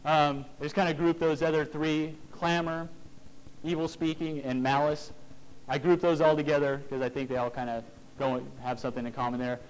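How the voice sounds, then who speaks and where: Earnest man preaching, slightly high voice. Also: little pitch movement, clear, resonant tone, rough recording. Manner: earnest, plain-spoken, slowing down for emphasis. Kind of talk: sermon.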